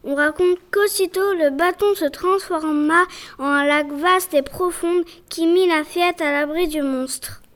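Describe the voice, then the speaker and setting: A young adult woman reading a folk tale aloud as storyteller, with clear, expressive narration. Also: very high-pitched, a little slow.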